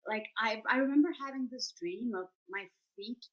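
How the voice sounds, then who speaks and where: A playwright in her forties, who grew up in Argentina and India and is a survivor, speaks as an interview guest in a somewhat high voice at a moderate pace. She sounds earnest and reflective, often restarting and searching for words. The audio is dull.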